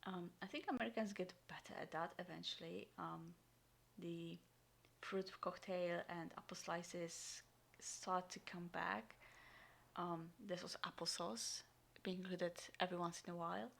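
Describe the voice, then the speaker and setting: A woman vlogger unboxing and reviewing a military ration in casual talk, full of ums and sometimes dropping into a soft whisper. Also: fairly low pitch, steady tone, a little slow, creaky. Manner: chatty, frequent ums, drops into soft whispers. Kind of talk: casual unboxing and taste test.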